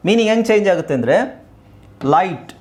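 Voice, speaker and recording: A middle-aged male teacher with a Kannada accent walks through an English lesson, spelling words letter by letter and repeating them. His voice sits a little high and swings widely in pitch as he explains. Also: big pitch swings. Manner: explains patiently, repeats words, slow deliberate spelling aloud.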